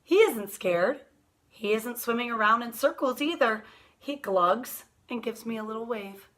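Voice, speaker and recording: A woman reading a children's picture book aloud at storytime, expressive and drawn out, putting questions to her young listeners. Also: on the high side, a little slow.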